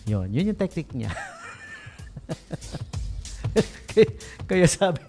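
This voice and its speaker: A man, a radio DJ, telling comic stories on air, animated and often breaking into loud laughter. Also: a little high, drawn-out words, creaky, loud music behind the voice. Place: radio studio.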